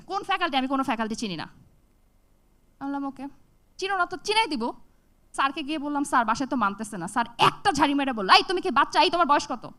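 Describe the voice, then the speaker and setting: A young woman speaks to an audience in a high, bright voice. She tells a personal story with energy and switches voices to play out the dialogue. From Bangladesh. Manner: animated, acts out dialogue with shifts in voice. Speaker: TEDx speaker. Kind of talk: storytelling talk.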